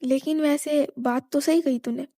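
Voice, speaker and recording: A woman's voice: high voice, steady tone, normal speed, dark tone, no room sound, clean studio sound. A woman voicing a bossy elder sister who scolds her younger sister in jest. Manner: scolding, mock-stern. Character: bossy elder sister, sharp-tongued hostess.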